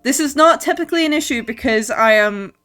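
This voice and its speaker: A young woman from Scotland with a mixed, mostly Canadian-sounding accent chats casually while drawing on stream, rambling with lots of ums, restarts and frequent laughs. Her voice is high-pitched, animated, fairly quick and a bit bright, with faint music behind.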